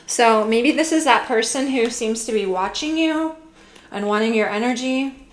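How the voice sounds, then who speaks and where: Soft-spoken woman giving a tarot reading. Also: fairly high pitch, moderate pace, faint music behind. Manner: gentle, musing, many fillers like "like" and "you know". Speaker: tarot reader.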